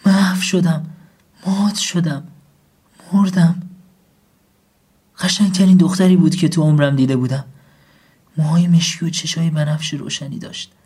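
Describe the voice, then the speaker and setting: A man narrating a comic first-person story in a deadpan tone. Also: a little high, long pauses, breathy edge. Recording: faint music behind.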